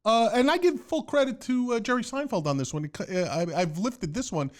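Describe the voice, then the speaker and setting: A man co-hosting a casual comedy chat, giving mock-serious advice in an animated way. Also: very high-pitched, fairly quick. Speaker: podcast co-host.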